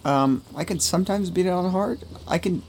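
A man's voice: high voice, normal speed, a little mellow, faint music behind. A man hosting a gaming video with casual, rambling, conversational commentary. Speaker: gaming channel host.

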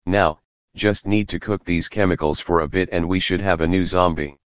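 A man's voice: low voice, fairly even intonation, normal speed, lightly acted. A man playing a menacing zombie general, a gloating, commanding mad-scientist villain in an audio drama. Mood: scheming.

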